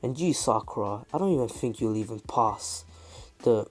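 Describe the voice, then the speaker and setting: A man's voice: medium pitch, lively intonation, moderate pace, close to an everyday voice. Cocky teen ninja boy, blunt and mocking; a man reads him close to his own voice. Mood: taunting. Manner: taunting, blunt.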